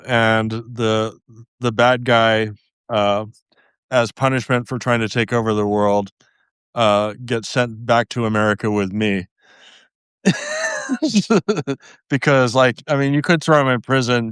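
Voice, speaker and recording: A man with a medium-pitched, fairly bright and clean voice is recorded at studio quality with no room sound. He's a game designer guesting on a podcast, chatting casually in an interview and laughing often at himself in a self-deprecating way.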